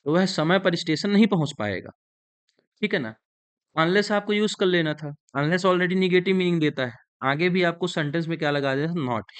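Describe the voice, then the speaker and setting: A man with an Indian accent teaching an English grammar lesson in Hindi, slowly dictating sentences and explaining each step. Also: on the high side, fairly bright tone.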